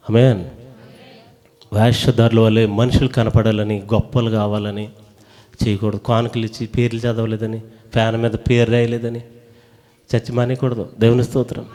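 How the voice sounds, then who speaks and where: A man preaching a sermon in a church hall, pressing the congregation to call back their answers loudly. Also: medium pitch.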